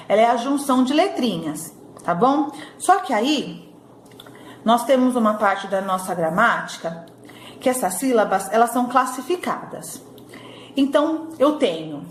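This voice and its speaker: A woman teaching a recorded lesson to young children, sounding out syllables slowly and checking in often. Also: on the high side, slight background noise. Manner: slow syllable-by-syllable drilling, frequent "tá bom?" checks. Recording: echoey room with faint ambience.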